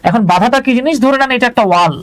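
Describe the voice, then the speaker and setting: A man teaching English in a live online lesson. His voice sits high and the words come fast and chatty, close to the mic, and he keeps checking that the viewers are following along. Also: a bit bright.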